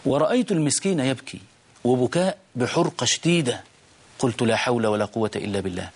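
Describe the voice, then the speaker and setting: A man's voice: mid-range voice, fast talker, breathy edge. A man with an Egyptian accent, a sheikh hosting a call-in show, telling a moral story in an emphatic preaching way that rises to fervent appeals. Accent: Egyptian Arabic.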